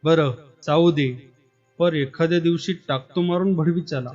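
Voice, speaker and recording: A man's voice: on the high side, fairly even intonation, moderate pace, darkish tone, close to an everyday voice. A man doing a vengeful village watchman. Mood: threatening. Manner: rough, threatening. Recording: dull lo-fi with faint music.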